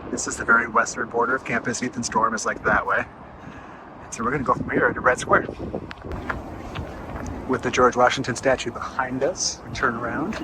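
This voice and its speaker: A middle-aged man films a walking campus tour as a visitor, narrating his casual vlog outdoors with some indoor stretches. His medium-pitched voice stays level and brisk, with frequent pauses, and he's enthusiastic yet offhand about details. Outdoor urban noise and traffic ambience fill the background.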